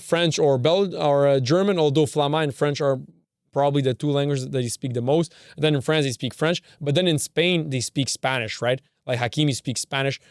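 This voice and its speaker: A young Canadian man whose first language is Serbian hosts a podcast of casual football talk, rambling, often correcting himself and swearing casually. His voice is mid-range, clear and resonant, recorded studio quality with no room sound.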